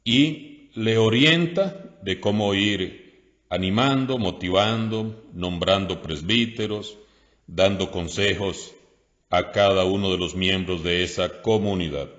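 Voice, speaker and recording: A Costa Rican priest reading scripture aloud in a slow, measured way, then preaching a homily. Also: male voice, deep voice, fairly bright tone. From Costa Rica. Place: parish church. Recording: dull lo-fi audio with long church reverb.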